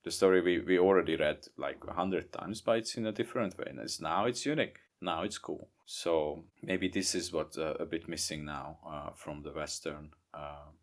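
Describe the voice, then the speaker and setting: A young Hungarian man with a Hungarian accent, a guest author talking casually in a podcast interview, halting and repeating words. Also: rumbling low. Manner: halting, repeats words, non-native grammar. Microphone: remote podcast recording.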